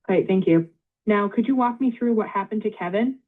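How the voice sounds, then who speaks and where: A woman's automated phone voice acting as an intake agent, polite and measured, reading back details in scripted prompts. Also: medium pitch. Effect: automated phone-line voice. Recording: tinny phone line.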